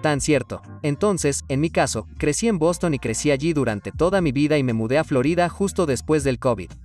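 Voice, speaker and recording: A young man with a somewhat high voice talks through a home tour, upbeat and enthusiastic. His voice sounds a bit distant from the mic, with soft music playing underneath. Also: lively intonation, brisk. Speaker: vlogger giving a tour. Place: inside a converted shuttle bus.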